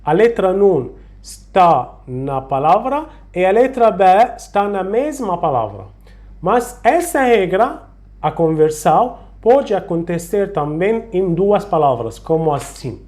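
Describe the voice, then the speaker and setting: Slow, patient recitation teacher. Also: mid-range voice, big pitch swings, darkish tone. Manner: slow, patient, repeats sounds and words to demonstrate. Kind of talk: slow tutorial on Quranic recitation rules.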